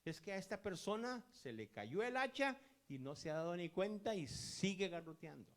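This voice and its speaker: A male pastor preaching a sermon in a calm storytelling way, acting out the lines of the people in his stories. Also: sits high, normal speed.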